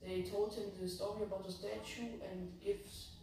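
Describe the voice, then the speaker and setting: A woman's voice: medium pitch, flat delivery, normal speed, dark tone. Very echoey, distant young female pupil telling a story. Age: young teenager. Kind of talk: hesitant story recital. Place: school room. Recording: echoey room, distant mic, noisy.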